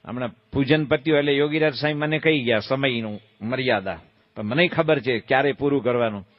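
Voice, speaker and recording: A man's voice: mid-range voice, a little fast, no room sound, dull audio. A man, a swami giving a religious discourse, telling stories in a playful, folksy way and asking his listeners questions. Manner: folksy, playful, asks the crowd questions and acts out voices. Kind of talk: storytelling sermon.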